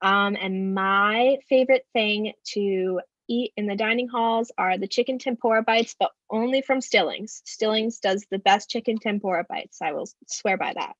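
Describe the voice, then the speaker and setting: Young woman, joking, relaxed, dull dry call audio. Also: mid-range voice, moderate pace, hardly any pauses, no echo. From New Hampshire. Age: young adult. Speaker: student panelist. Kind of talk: casual livestream Q&A.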